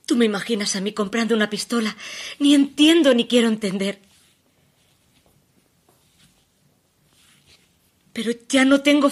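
Stage monologue: actress as a desperate abandoned woman pleading by phone, emotional and halting, high-ish voice. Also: natural voice. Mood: weary. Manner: emotional, halting, shifting between hushed pleas and urgent outbursts. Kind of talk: theatrical monologue.

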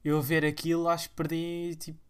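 A man's voice: fairly high pitch, monotone, brisk, clear, resonant tone. A young man with a European Portuguese accent talks straight to his viewers in a loose vlog monologue. He rambles from one point to the next, full of slang and teasing mockery. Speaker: vlogger.

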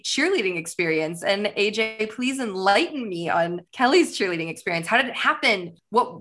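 A woman's voice: mid-range voice, fairly bright tone. A woman co-hosting a podcast in casual chat, talking at length and laughing easily. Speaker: podcast co-host.

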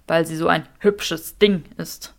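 Snappish, proud young wizard in a storybook reading, voiced by a woman; pitched a bit low, pushed louder. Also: steady tone, takes it slowly, gravelly. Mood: irritated. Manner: clipped and snappish, raised voice. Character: wizard man Draco, irritable, proud, jealous.

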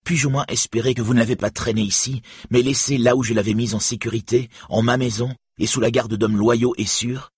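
Man playing a storybook warrior hero, commanding, raised husky voice, dry read. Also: mid-range voice, fairly even intonation, brisk, hardly any pauses, no room sound, pitched above the performer's own voice. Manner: commanding, wrathful. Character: grim hero warrior, proud and wrathful.

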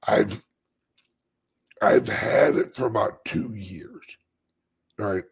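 Man, very husky smoker's rasp, gravelly creak, rambling casual live chat, halting delivery. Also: lowish voice. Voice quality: dry, scratchy, raspy voice like a smoker's rasp.

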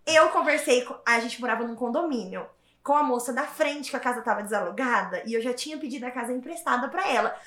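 A woman, telling her story as an interview guest in an animated, emphatic way and repeating words for stress. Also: a little high, fast. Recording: roomy echo.

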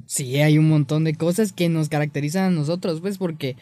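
Jokey Guatemalan man, dry warm voice. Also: fairly high pitch, steady tone, a little fast, no echo. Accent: Guatemalan Spanish. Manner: jokey, explains slang with examples. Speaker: podcast co-host. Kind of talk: casual podcast chat.

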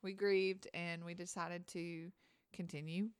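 A woman, softly and reflectively sharing a faith testimony. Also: on the low side, level tone, a little slow, smooth, dry recording.

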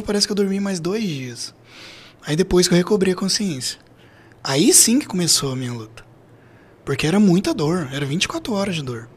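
Brazilian male, middle-aged, rough hoarse gravel in the voice, conversational storyteller for an interview. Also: sits high. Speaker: podcast guest. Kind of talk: personal storytelling in a casual interview.

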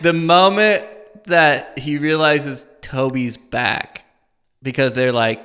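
A man's voice: mid-range voice, steady tone, slow, pushed and bright, clean tone, in a large hall. A man chatting casually about a sitcom, laughing often and acting out quotes.

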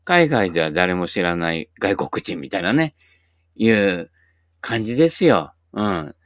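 A man's voice: sits low, sing-song, unhurried, dry recording, studio quality. A man in his sixties talking in a folksy, rambling way, full of asides and tag words, as he hosts his own channel. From Japan. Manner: chatty, folksy, many tag particles and asides. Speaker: YouTube host. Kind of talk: casual rambling monologue.

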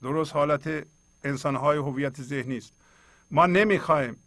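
A man's voice: on the high side, fairly bright tone, no echo. A middle-aged man hosting a spiritual program, explaining verses of poetry in a colloquial and earnest way, and urging listeners directly. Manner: earnest, exhorting, speaks straight to listeners. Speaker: host.

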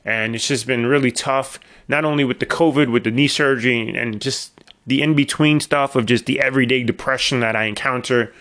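A middle-aged man hosts his own solo podcast, spinning long, rambling stories with wry asides in a casual monologue. His mid-range, slightly bright voice is a little worn from illness, and he speaks fairly quickly with fairly even intonation.

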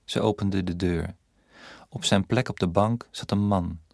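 Deep-voiced man narrating a story. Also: fairly even intonation, a little slow, creaky, a little mellow, dry recording, clean studio sound. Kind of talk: audiobook narration.

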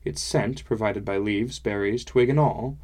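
Man, low voice, audiobook narrator, measured first-person storytelling. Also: a little mellow.

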